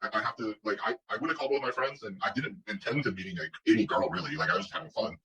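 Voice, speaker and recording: A man's voice: fairly low pitch, lively intonation, rapid-fire, bright, forceful tone, distant mic, rough recording. A man seeking advice in a casual conversation, hesitant and stammering.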